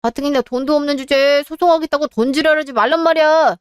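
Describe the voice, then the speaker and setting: A woman's voice: high-pitched, quick pace, a little hiss or hum, natural voice. A woman voicing a younger married man who argues back with indignant retorts. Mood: accusing. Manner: argumentative, exasperated retorts. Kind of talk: dramatized story reading.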